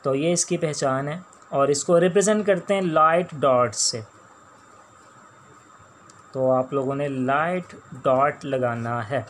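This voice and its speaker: A man with a Pakistani accent teaching a shorthand class, explaining each sound slowly and repeating words as he writes them out. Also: fairly high pitch, slight background noise. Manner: slow, patient, repeats each sound and word. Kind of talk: classroom lecture while writing on a board.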